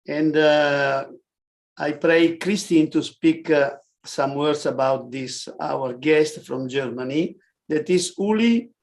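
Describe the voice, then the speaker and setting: A man's voice: on the high side, gravelly. A man moderating an online symposium, speaking hesitantly with fillers and awkward phrasing. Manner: slow, hesitant, non-native phrasing.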